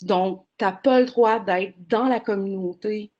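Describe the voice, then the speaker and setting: A woman's voice: mid-range voice, measured pace, dark tone, dull audio. A woman, speaking as a panelist in a webinar over a video call, earnest and explanatory with frequent hesitations. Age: 40s.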